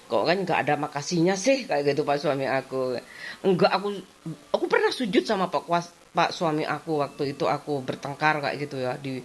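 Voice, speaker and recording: A woman's voice: low voice, expressive, a little fast. Chatty woman vlogger. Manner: chatty, rambling, repeats fillers. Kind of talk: casual chat.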